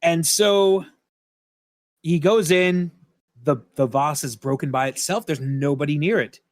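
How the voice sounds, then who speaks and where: A man's voice: a little high, measured pace, dry recording. A man on a podcast, casually and animatedly retelling a film's plot with swearing and filler words. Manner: animated, profane storytelling with fillers. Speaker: podcast co-host. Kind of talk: casual film-review retelling. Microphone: podcast mic.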